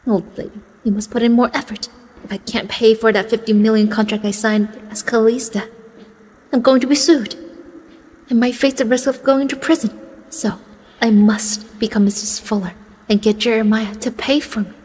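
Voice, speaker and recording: A woman's voice: fairly high pitch, steady tone, normal speed, darkish tone, slightly rough, poor audio. An actress playing a manipulative young woman, scheming and pleading in a clingy way. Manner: pleading, whiny when spurned. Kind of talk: dubbed drama acting.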